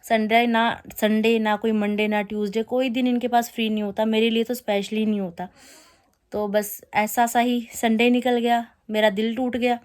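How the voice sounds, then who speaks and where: Chatty woman vlogger, slightly high voice. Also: flat delivery, moderate pace, darkish tone, smooth. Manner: chatty, storytelling with mock complaints. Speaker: family vlogger. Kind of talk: casual vlog narration.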